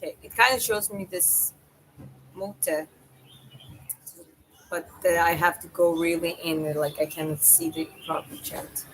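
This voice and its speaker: A woman with a Georgian accent and a slightly low voice talks casually to a livestream chat. She thinks aloud in a halting, informal way, with noticeable noise behind her. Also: low-quality recording. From Georgia (country). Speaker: live streamer. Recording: clear background noise.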